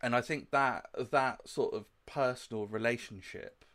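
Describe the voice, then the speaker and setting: A man with a medium-pitched voice co-hosts a podcast. His talk is informal banter, delivered in a jokey, casual way. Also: moderate pace, fairly bright tone. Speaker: podcast co-host.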